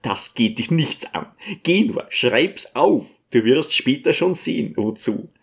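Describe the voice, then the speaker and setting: A brusque, scheming man, as the reader puts him on, insisting and brushing others off. His delivery rises and falls in lively swings. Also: mid-range voice, slow pace, gravelly, pitched above the performer's own voice. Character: pushy scheming male guest, brusque.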